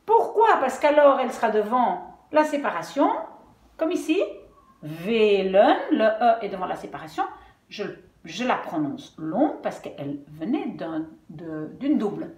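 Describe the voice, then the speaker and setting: A woman's voice: medium pitch, sing-song, normal speed, a little mellow. A woman teaching Dutch spelling, patiently sounding out words syllable by syllable. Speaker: language teacher. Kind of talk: explaining Dutch spelling at a whiteboard. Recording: echoey room.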